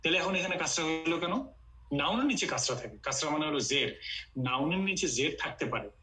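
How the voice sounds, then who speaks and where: A man's voice: on the high side, big pitch swings, a little fast, rough recording. A man from Bangladesh teaching an online Quran Arabic class, explaining step by step and mixing in English.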